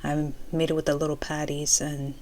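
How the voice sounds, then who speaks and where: A woman's voice: low-pitched, flat delivery, normal speed, darkish tone, rough recording. A middle-aged woman chatting casually as she cooks in a home kitchen, explaining things in a rambling way, with machine noise from a dishwasher behind her. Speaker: home cooking vlogger. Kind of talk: casual chat while cooking. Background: running dishwasher noise.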